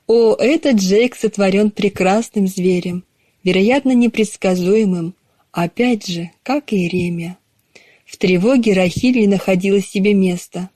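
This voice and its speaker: A woman narrating a novel in a measured, even storytelling manner. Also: mid-range voice, no echo. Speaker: audiobook narrator. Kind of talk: scripted narration.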